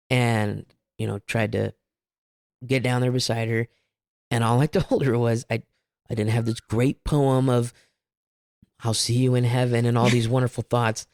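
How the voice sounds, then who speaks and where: A man's voice: medium pitch, fairly even intonation, moderate pace, creaky, pauses often, a little mellow, dry recording, studio quality. A man telling his family's story as a guest, candid and rambling, with a few self-aware laughs. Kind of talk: casual personal storytelling.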